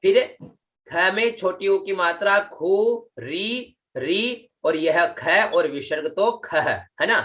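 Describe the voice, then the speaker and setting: A man teaching Vedic chanting in an online lesson. He draws out each syllable slowly and patiently explains how to pronounce it, often checking in with the listener. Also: sits high, pushed and bright. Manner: slow, drawn-out syllables with chanted demonstrations.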